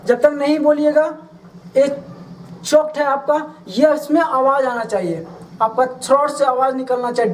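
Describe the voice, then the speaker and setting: A woman's voice: high-pitched, darkish tone, recorded from a distance, slight background noise, rough recording. A woman teaching English vocabulary, spelling each word letter by letter, giving its meaning, and urging listeners to repeat after her. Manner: coaxing, urges listeners to repeat aloud. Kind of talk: spelling and vocabulary drill lesson.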